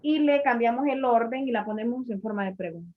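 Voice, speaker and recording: A woman's voice: on the high side, fairly quick. A woman teaching an English grammar class, patiently explaining and repeating each point in a classroom. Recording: muffled lo-fi recording.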